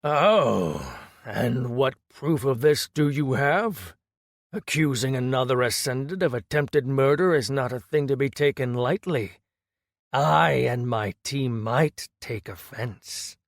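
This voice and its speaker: A man voicing a smug, scheming female orc adventurer who speaks slowly with false politeness in an audiobook. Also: medium pitch, animated, no echo, studio quality. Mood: smug, condescending. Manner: slow, gravelly, falsely polite. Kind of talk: audiobook character voice.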